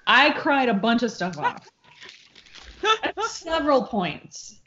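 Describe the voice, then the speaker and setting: A woman's voice: high-pitched, slow, noisy background. A woman hosting a casual group chat, telling stories with lots of laughter and the odd swear. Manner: animated, laughing storyteller who swears casually. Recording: dull lo-fi recording.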